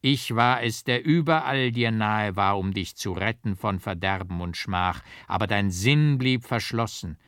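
A man voicing a solemn, mysterious old painter who speaks slowly and commandingly. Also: lowish voice, fairly bright tone, dry recording, clean studio sound.

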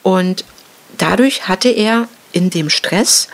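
A middle-aged woman recounts a traumatic event in an interview. She talks in a halting way, with fillers and restarts, and her pitch sits in a middle range for a woman. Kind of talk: emotional personal account.

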